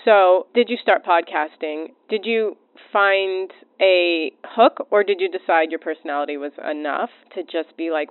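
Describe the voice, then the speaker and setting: A woman's voice: lowish voice, dry recording. Blunt woman on a tinny, phone-like line. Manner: long, blunt, teasing questions.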